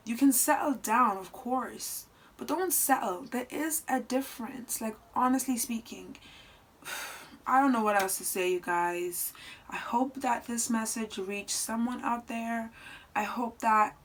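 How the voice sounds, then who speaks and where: A woman in her twenties giving heartfelt advice in a casual vlog, earnest and animated, dropping to soft asides and rising to loud outbursts. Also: mid-range voice, poor audio. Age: 20s. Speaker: vlogger.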